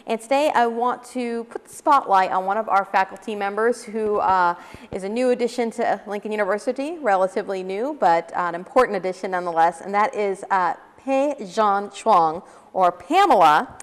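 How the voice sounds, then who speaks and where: A woman's voice: medium pitch, normal speed, long reverb tail. A woman hosting a studio interview show, friendly, with frequent fillers.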